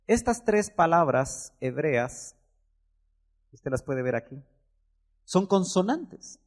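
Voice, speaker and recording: Lively high-voiced pastor preaching. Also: male voice. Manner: teaching, explains Hebrew words to the congregation; lively, rises and drops sharply in pitch and loudness. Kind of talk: sermon.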